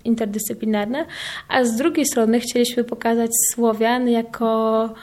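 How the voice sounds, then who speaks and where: A woman's voice: fairly high pitch, steady tone, normal speed, a little mellow. A young woman in her twenties answering interview questions as a conference organizer, hesitant and full of filler sounds.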